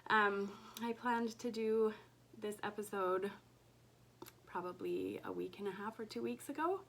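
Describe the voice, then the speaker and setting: A woman recovering from an illness chats casually to camera as a cross-stitch vlogger at home, gushing and slipping into soft whispers over her stitching. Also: mid-range voice, big pitch swings, a little slow. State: recovering from illness, voice recently lost.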